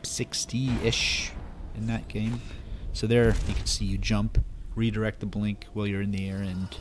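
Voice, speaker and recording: A man's voice: on the low side, little pitch movement, measured pace, noisy background. A man hosting a let's play, giving casual, rambling lore commentary full of fillers. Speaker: gamer host.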